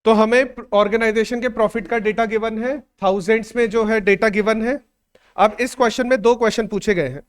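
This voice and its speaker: High, clear-voiced male teacher. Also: steady tone. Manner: conversational, repeats phrases, checks in often; dictates numbers slowly, trailing off. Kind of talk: classroom lecture.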